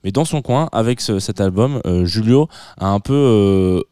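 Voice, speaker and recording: A man's voice: fairly low pitch, expressive, moderate pace, mellow, clear, resonant tone, no echo, clean studio sound. A man hosting a music show on the radio, presenting tracks in a chatty, enthusiastic way with a light self-mocking humor. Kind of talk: casual on-air music presentation.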